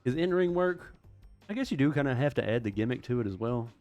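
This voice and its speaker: A man's voice: mid-range voice, expressive, fast, a little mellow, faint music behind. An American man hosting his own channel, giving rambling, sarcastic casual commentary. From United States. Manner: rambling, sarcastic, self-deprecating. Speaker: YouTube host.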